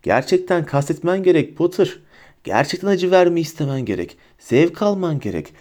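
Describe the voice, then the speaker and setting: Man doing a shrill taunting dark witch. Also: sing-song, normal speed. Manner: taunting, mocking, high and shrill. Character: cruel shrieking female witch, fanatical servant.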